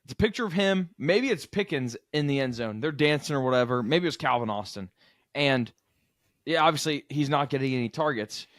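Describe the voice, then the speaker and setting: A young man co-hosting a casual sports podcast, animated and quick to laugh, often breaking off mid-sentence. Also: medium pitch, no room sound, studio quality. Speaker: podcast co-host.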